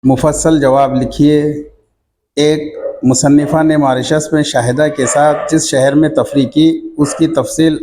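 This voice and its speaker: A male teacher reading out textbook questions and their answers in a slow, measured dictation manner. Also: on the high side, fairly even intonation, warm tone, slight background noise.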